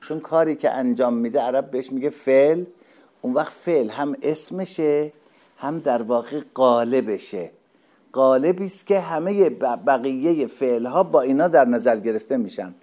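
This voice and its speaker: A man giving a lecture, asking questions and answering them himself, and spelling out word forms slowly. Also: mid-range voice, dark tone. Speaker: teacher. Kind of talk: lecture on Arabic grammar.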